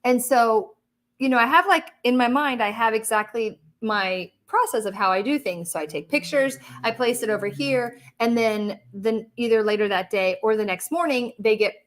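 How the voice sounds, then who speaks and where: A woman's voice: a little high, moderate pace. A chatty woman hosting a casual livestream, laughing often and reading viewer comments. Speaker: livestream host.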